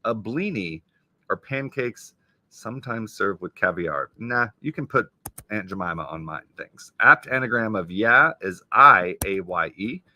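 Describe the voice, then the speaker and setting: A man's voice: on the low side, lively intonation, measured pace, bright, forceful tone, a little hiss or hum. A man hosting a casual live stream, reading crossword clues aloud and chatting about them as he goes.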